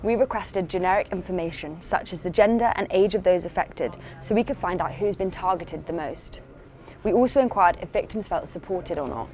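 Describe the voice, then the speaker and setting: A woman's voice: fairly low pitch, brisk, darkish tone. A woman reading scripted news narration as a reporter.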